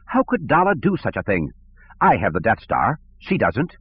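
A man's voice: medium pitch, wildly swooping pitch, normal speed, slightly rough, no echo, voice pushed up. A man voicing a petty, pompous male station director who talks in fussy, bureaucratic tones. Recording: tinny phone-like audio.

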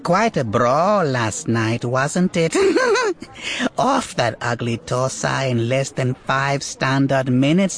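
A man voicing a small, sly male rodent-like alien inmate who wheedles, giggles and ends his lines with coaxing tag questions. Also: medium pitch. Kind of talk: audiobook character voice.

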